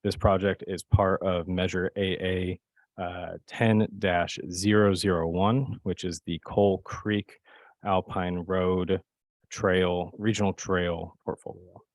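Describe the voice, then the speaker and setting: Raspy man with a cold giving a staff presentation, low voice, dry mic sound. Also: dry recording. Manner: steady, measured delivery with occasional fillers. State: hoarse from a cold. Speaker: capital project manager presenting to a board.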